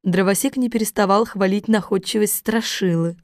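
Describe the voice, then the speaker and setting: A woman narrating a children's story in a measured, unhurried reading. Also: mid-range voice, no room sound, studio quality.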